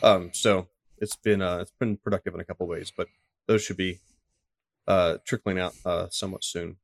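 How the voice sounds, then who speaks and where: A man's voice: low voice, little pitch movement, normal speed, creaky, no room sound. A man co-hosting a tech podcast, chatting casually with lots of fillers and restarts. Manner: rambling, filler-heavy, self-deprecating. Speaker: podcast co-host.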